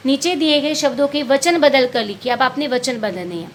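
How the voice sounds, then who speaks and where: A little hiss or hum runs beneath a high-voiced woman teaching a Hindi workbook lesson to young children at a moderate pace. The primary school teacher patiently questions them, gives the answers herself, and calls them beta.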